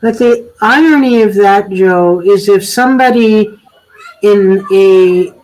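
An older woman hosting a casual political discussion over a video call, thoughtful and halting, often restarting her sentences. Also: mid-range voice, a little mellow, low-quality recording. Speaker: host.

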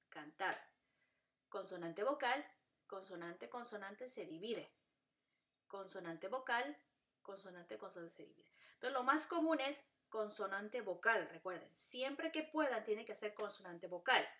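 Patient female teacher, bright tone, repetitive drilling delivery, occasional English asides. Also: mid-range voice. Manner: patient, repeats patterns, switches to English to explain. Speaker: Spanish teacher. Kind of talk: classroom lesson.

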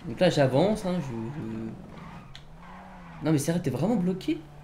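A man giving casual, excitable gameplay commentary to a friend, given to exclamations. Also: fairly high pitch, measured pace, crowd noise. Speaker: gamer.

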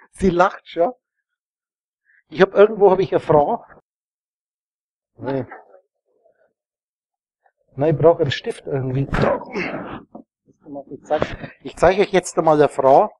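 A man's voice: fairly high pitch, slow pace, pauses often, a little mellow, dry recording. A man giving a rambling, explanatory live talk to an audience, often asking them questions as he teaches. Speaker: lecturer.

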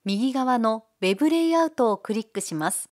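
A woman giving calm, polite, step-by-step narration for a software tutorial. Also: fairly high pitch, moderate pace. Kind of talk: scripted screencast narration.

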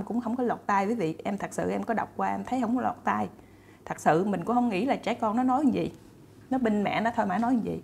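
A woman tells a story straight to her viewers. Her voice is breathy and a little husky, at a middle pitch. She talks casually, with many fillers and repeated words. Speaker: storyteller host.

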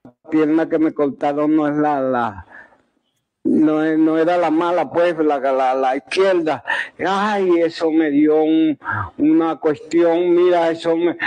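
Halting Venezuelan man in his sixties. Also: on the high side, a little mellow, lo-fi sound. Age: 60s. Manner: halting, restarts often, tag questions like "¿ves?". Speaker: interviewed patient. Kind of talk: news interview testimony.

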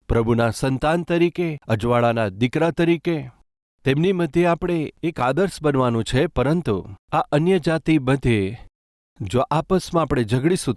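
Earnest man preaching, fairly high voice. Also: a little mellow, no room sound, studio quality. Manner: earnest preaching, rhetorical questions to the congregation. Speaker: pastor. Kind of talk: sermon with prayer.

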